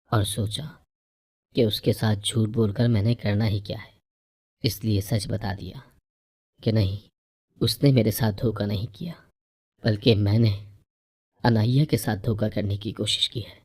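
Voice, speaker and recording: A woman narrating a first-person moral story in a measured, even reading voice. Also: a bass voice.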